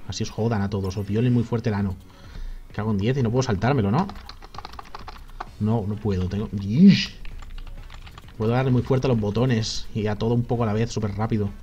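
A man's voice: lowish voice, fairly quick, pauses often, warm tone, highs cut off, faint music behind. Spanish man swearing through game commentary. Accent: Spain. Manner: swearing, frustrated outbursts. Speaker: gaming youtuber. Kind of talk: let's play commentary.

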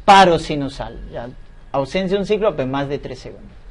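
High-voiced man tutoring medical exam questions. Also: expressive, fairly quick, slight background noise. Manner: explanatory, asks and answers his own questions.

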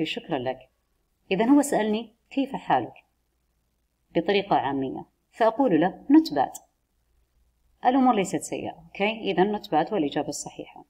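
Husky-voiced woman teaching a lesson. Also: lowish voice, mellow. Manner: switches between slow careful English model phrases and quick explanations. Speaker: English teacher. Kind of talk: explaining a textbook lesson.

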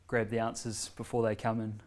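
A New Zealand man with a lowish voice presents a learning tool in a casual workshop demo, staying relaxed and conversational with frequent fillers and pauses. Standing, he goes back and forth between the screen and laptop. A distant camera captures him in a bright, medium-sized indoor meeting room with a screen.

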